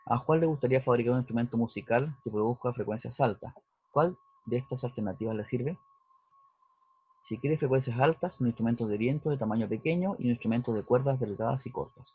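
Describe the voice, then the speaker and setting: A man's voice: medium pitch, a little fast. A male physics teacher, talking through a recorded lesson and often checking in with his students. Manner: explanatory, checks in with "¿cierto?" and "¿ya?". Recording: dry, husky, phone-like narrowband audio.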